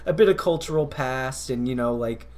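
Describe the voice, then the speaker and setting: This is a man in a relaxed podcast conversation. He rambles through stories, laughs easily and often trails off into quieter mumbles. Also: medium pitch, normal speed. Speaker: podcast co-host. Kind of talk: casual comedic chat.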